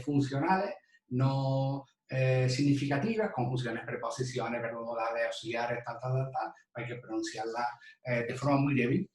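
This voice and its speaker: A male lecturer gives a teacher-training talk, explaining patiently and often restarting his phrases. His voice is mid-pitched. The room is echoey and he stands some way back from the mic. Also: distant mic. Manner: explanatory, with many restarts and repeated "de". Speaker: university lecturer in English phonetics.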